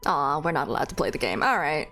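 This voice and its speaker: A young woman streaming a game with a very animated, mid-pitched voice. She is chatty and playful, commenting casually over game music. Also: fast.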